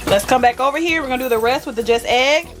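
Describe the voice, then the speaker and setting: A woman's voice: high voice, fast talker, over music. A woman, talking casually to viewers in her cooking vlog, chatty and full of fillers. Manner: chatty, talks straight to viewers as "y'all", with fillers. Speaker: cooking vlogger.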